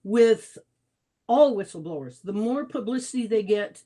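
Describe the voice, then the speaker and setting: A woman's voice: fairly high pitch, expressive, measured pace, dark tone. A woman interviewing a guest in an effusive, encouraging way. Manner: effusive, encouraging, calls guest her hero. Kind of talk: casual interview talk.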